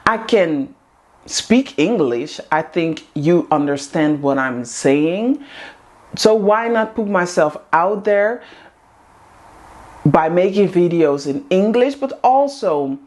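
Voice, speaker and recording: Animated yet slow-paced, her voice is on the low side and a little mellow. The speaker is a Dutch-native host of a women's group, addressing the camera in English with an earnest motivational talk full of repeated coaching lines.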